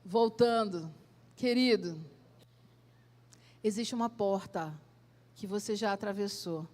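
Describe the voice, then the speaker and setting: A woman pastor with a Brazilian accent preaching a sermon in a church, asking direct questions and swelling loud then dropping soft. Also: mid-range voice, slow pace. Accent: Brazilian Portuguese.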